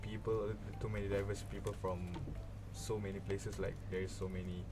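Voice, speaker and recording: A man's voice: deep voice, flat delivery, moderate pace, darkish tone, faint music behind. A young man with a Malaysian accent, hosting a casual podcast and asking curious questions. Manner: curious, asks probing questions. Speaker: podcast host. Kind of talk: casual chat.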